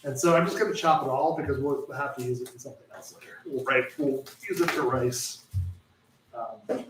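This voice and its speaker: A man's voice: medium pitch, brisk, reverberant, recorded from a distance, background noise. A man hosting a live home cooking show, chatting casually and rambling as he cooks, often correcting himself and joking. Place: home kitchen.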